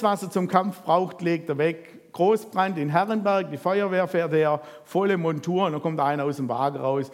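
A man preaching, retelling a Bible story and putting lively questions to the congregation. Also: on the high side. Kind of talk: sermon reading and retelling scripture. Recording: reverberant hall.

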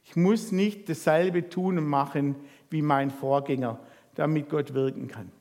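Male preacher, slightly high voice, lively storytelling sermon, long hall reverb. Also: a little slow. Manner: lively storytelling, asks the congregation questions. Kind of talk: sermon reading and retelling scripture.

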